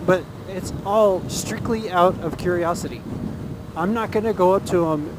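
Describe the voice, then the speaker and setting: A man's voice: sits high, moderate pace. A man talking casually and earnestly from inside a motorcycle helmet, giving his opinion as he rides and repeating phrases for emphasis. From Texas, USA. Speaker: motovlogger. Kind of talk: casual opinion monologue while riding. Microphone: helmet microphone. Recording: inside a helmet, loud wind and engine noise.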